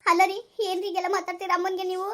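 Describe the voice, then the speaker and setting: An exasperated young family member, played by a woman in an amateur comedy skit who argues back and pleads for calm. Her voice is extremely high and the words tumble out at great speed. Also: rapid-fire. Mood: protesting. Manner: protesting, pleading. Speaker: actor in a village family skit.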